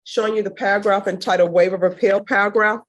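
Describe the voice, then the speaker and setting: A woman judge running formal courtroom proceedings in a brisk, firm, stern manner, heard in a courtroom recording. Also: mid-range voice, fairly even intonation.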